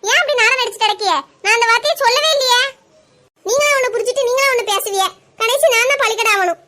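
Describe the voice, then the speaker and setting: A defiant young daughter-in-law from a cartoon, speaking with a Kanyakumari Tamil accent. She fires back curt, exasperated retorts in a very high, bright voice. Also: fast talker, a little hiss or hum. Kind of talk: cartoon voice acting.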